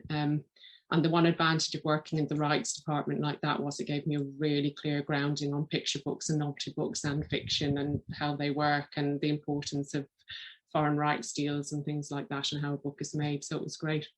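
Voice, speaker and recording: Even-toned woman. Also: low-pitched, fairly quick, poor audio. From Galway, west of Ireland. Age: middle-aged. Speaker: literary agent, podcast guest. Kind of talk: interview answers, personal career storytelling.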